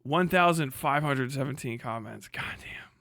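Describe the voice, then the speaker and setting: In studio-quality audio with no room sound, a livestream host with a medium-pitched, fairly bright voice cracks profane jokes. His delivery is halting and repetitive, frequently tripping over repeated words.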